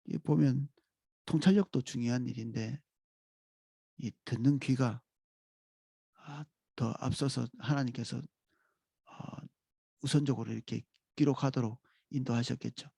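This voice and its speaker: Gravelly, calm Korean pastor. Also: male voice, mid-range voice, no echo. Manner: calm, reflective, with pauses and restarts. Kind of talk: dawn sermon.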